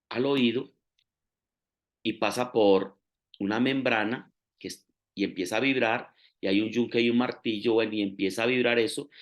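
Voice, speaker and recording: Man preaching a teacherly sermon. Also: mid-range voice. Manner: teacherly, explains step by step, rising emphasis on key phrases.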